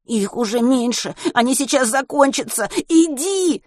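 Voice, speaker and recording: A woman's voice: on the low side, lively intonation, a little slow, husky, no echo. Injured schoolboy done by a woman, breathless, strained, pleading, audiobook character, dry sound. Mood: desperate, shrill. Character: injured schoolboy, pained, then desperate and self-sacrificing.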